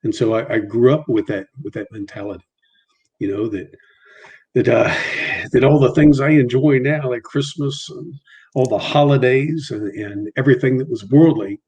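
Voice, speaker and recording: A middle-aged man with a mellow, mid-range voice and fairly even intonation takes part in a casual video call as a guest. His delivery is halting because of a mild stutter, full of repeats and restarts.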